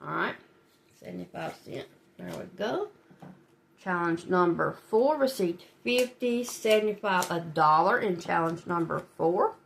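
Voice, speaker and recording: A fairly low, gravelly, expressive voice comes from this woman, who speaks a little slowly against slight background noise. As host of a budgeting channel, she fills in savings challenges while casually talking to viewers through a head-cold nose, with small laughs.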